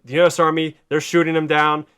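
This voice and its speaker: A man hosting a podcast, telling a story in excited casual chat, swearing a lot and rising to near shouts. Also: on the high side, brisk, clean tone. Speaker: podcast host.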